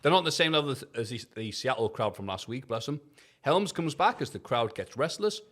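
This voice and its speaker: A man's voice: mid-range voice, lively intonation, fairly quick, a bit bright. A man co-hosting a wrestling review podcast, reading his written recap in a jokey, casual way, swearing and laughing often.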